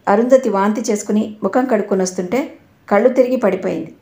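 A woman narrating an audio novel in a steady, dramatic storytelling manner. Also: mid-range voice, quick pace, echoey room.

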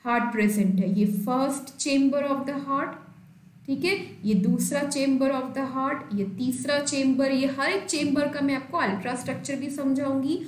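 A woman's voice: high voice, steady tone, a little slow, roomy sound. A woman teaching biology in a live online class. She explains step by step while she draws, often checks in with her students and greets viewers from the live chat. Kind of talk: live online lesson in Hindi-English mix.

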